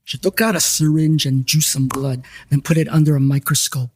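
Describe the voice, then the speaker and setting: Wry investigator narrator; dry asides, a bit high, scripted drama. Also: male voice, steady tone, fairly quick, breathy edge, no echo. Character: wry first-person man investigator narrating.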